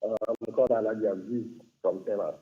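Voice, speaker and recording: A man's voice: fairly low pitch, fairly even intonation. A man caller comes through a narrow, clipped telephone line. His speech stops and starts around "uh" while he gathers his point. The line sounds thin and a little distant. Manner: halting, with many "uh" pauses. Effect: clipped, narrow phone-line sound. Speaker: radio call-in caller.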